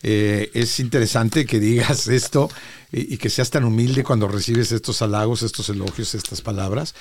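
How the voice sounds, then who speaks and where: A middle-aged man with a Mexican accent hosting an interview, talking in an effusive, animated way with frequent fillers. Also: medium pitch. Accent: Mexican Spanish. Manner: effusive, animated, lots of "este" and laughter. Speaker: interviewer, host. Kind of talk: warm chatty interview.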